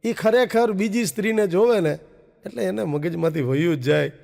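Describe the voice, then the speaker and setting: High gravelly comedian telling jokes in a hall. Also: male voice, moderate pace, a little mellow. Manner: acts out the quoted husband and wife with raised voice. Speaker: stand-up comedian. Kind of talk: Gujarati stand-up joke telling. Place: stage show before an audience. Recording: long reverb of a stage hall.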